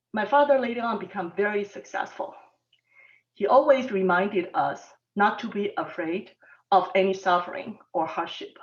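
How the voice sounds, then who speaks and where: A Taiwanese-born woman with a medium-pitched voice speaks softly and haltingly, with frequent ums. She is a mathematics professor giving a personal talk as a panelist on an online panel. The recording sounds distant, dull and lo-fi.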